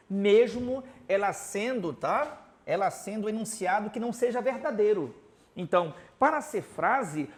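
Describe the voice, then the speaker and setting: Speaking in a high-pitched voice with the Paraense accent of his native Belém, Pará, Brazil, this man gives a Portuguese grammar lesson. As he writes examples on a board, he tosses out rhetorical questions constantly and caps his lines with "tá?".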